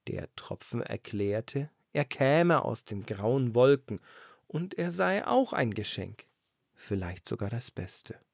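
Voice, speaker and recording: A man reading a fairy tale aloud as storyteller, in a measured, expressive manner. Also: medium pitch, vocal fry, dry recording, clean studio sound.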